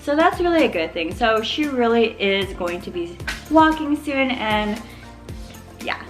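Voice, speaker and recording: A woman's voice: fairly high pitch, big pitch swings, a little slow, soft background music. A young woman vlogging a cheerful update about her baby at home, chatty and upbeat, sometimes mimicking baby sounds. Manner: chatty, upbeat, addresses viewers as you guys. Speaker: mom vlogger. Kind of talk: casual baby update vlog. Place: home living room.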